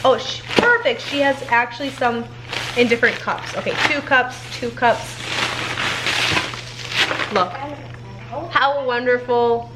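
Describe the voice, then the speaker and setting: A young woman with a fairly high voice chats casually in her home kitchen, speaking slowly and pausing often. She's a homestead cooking vlogger, upbeat and rambling, and sounds a little congested from a head cold. The kitchen is echoey, with faint room noise in the background.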